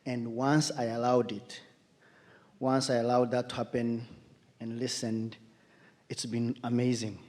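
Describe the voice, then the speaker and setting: A man from Uganda speaks slowly and haltingly and often stops to search for the right words. His voice carries the long reverb of a large hall. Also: medium pitch, level tone, a little mellow. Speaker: audience member at a workshop. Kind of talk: hesitant personal sharing.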